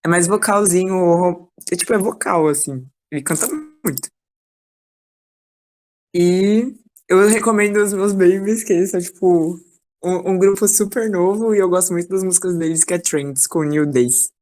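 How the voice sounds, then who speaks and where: A woman's voice: on the low side, normal speed, a little mellow. A woman, chatting casually and enthusiastically in an online class over a video call.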